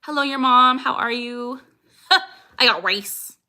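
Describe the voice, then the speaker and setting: On a livestream, a young woman chats casually and answers viewers' questions in a fairly high, sharp-toned voice that's a little slow. She's upbeat and laughs a lot, though sudden vocal tics break up her sentences.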